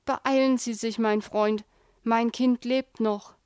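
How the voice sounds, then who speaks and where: A woman's voice: medium pitch, level tone, measured pace, darkish tone, dry recording, close to an everyday voice. Woman reading a desperate grieving man, urgent and pleading, dry close sound. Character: desperate grieving man holding a dying child.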